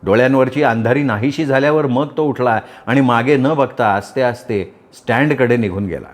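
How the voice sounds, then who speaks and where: A male storyteller narrating a village novel in a steady, dramatic manner. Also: mid-range voice, normal speed. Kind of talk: audiobook novel reading.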